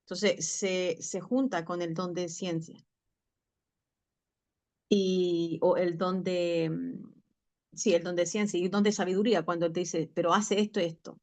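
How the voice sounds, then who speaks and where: A woman's voice: fairly low pitch, little pitch movement, unhurried, darkish tone. A woman pastor telling a personal testimony in a Bible study, chatty and full of fillers and restarts. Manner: conversational storytelling with many fillers and restarts.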